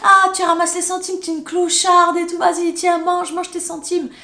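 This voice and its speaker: A woman voicing a cruel teenage boy who loudly mocks and taunts a classmate. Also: very high voice, flat delivery, moderate pace, echoey room, voice pushed up, exaggerated voice. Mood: mocking. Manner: loud, mocking, jeering.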